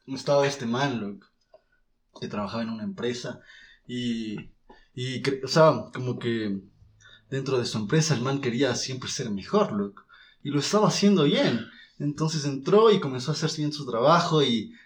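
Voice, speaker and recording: A man's voice: mid-range voice, moderate pace. A young man in casual chat with friends, telling a long joke in heavy slang, peppering it with "loco". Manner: slangy, says "loco" constantly. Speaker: joke teller.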